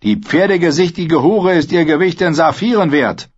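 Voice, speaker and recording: A man voicing a coarse male mercenary who shouts orders in an audiobook. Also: on the high side, expressive, moderate pace, husky, dull audio, voice pushed up. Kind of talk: audiobook character voice.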